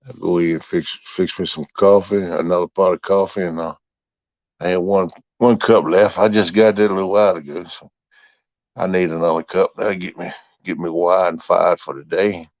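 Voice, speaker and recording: A man's voice: deep voice, little pitch movement, moderate pace, a little mellow, no room sound. A middle-aged man, casually chatting with his livestream viewers in a rambling, folksy way. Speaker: livestream host. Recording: muffled, dry.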